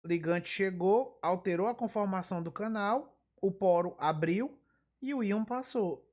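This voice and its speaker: A woman's voice: mid-range voice, unhurried, a little mellow. A woman giving a live online physiology lecture. She explains by repeating key terms, wanders into asides, and throws in emphatic rhetorical questions.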